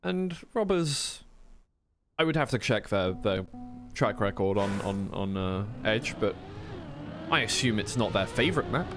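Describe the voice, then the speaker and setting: A man with a lowish voice and lively intonation gives unhurried live commentary on a racing game, sounding informal and slightly flustered as he thinks aloud between calls. An esports commentator and streamer, he mixes in casual stream chat. The sound is clear noise, with music and game car engines behind him.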